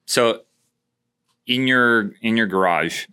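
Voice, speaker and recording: Low-voiced Canadian man hosting. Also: brisk, bright, forceful tone. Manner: friendly, loosely phrased questions with fillers. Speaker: podcast host. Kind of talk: casual interview.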